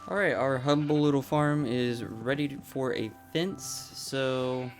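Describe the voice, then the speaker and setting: A man with a raspy, allergy-hoarse voice giving casual gameplay commentary, thinking aloud and correcting himself as he goes. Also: mid-range voice, steady tone, a little slow. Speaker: gameplay channel host. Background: loud music.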